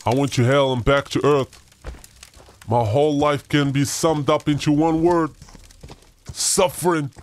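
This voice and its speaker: A young man gamer talking through a voice changer that lowers his pitch, taunting other players while playing as the killer. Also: fairly even intonation, a little slow, long pauses, slight background noise. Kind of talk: live gameplay commentary.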